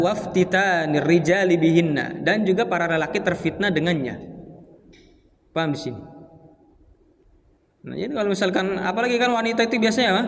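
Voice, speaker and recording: A man with a high voice gives a relaxed religious lesson, asking his listeners questions and answering them himself. He reads short Arabic phrases and explains them plainly. His voice carries a long reverb from a large mosque hall. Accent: Indonesian, Palembang. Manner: asks the audience rhetorical questions and answers them; explains Arabic text phrase by phrase in casual Indonesian. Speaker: ustadz teaching a mosque study circle. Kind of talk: Islamic study lecture.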